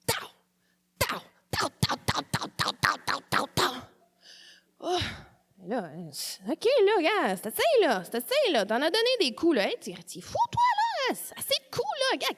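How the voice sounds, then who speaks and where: A woman with a Quebec French accent telling a story live, playfully coaxing the audience to shout along. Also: high voice. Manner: lively, playful, coaxes the crowd to shout along. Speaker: storyteller voicing a signed tale. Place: hall at a live storytelling event. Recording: long hall reverb from a live event.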